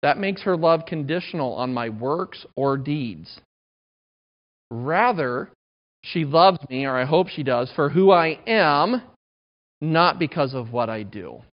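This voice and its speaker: A man's voice: on the high side, expressive, takes it slowly. A man in his thirties preaching a sermon in a conversational, self-deprecating way. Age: 30s. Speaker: pastor. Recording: dull lo-fi recording.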